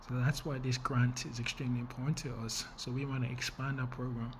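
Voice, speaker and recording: A young man from the Congo pitches his nonprofit in an earnest, measured way. His mid-pitched voice stays fairly level, with little rise and fall. A faint hiss of noise sits under the recording. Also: flat delivery. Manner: earnest, measured, with fillers and small restarts. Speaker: nonprofit founder. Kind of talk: funding pitch video.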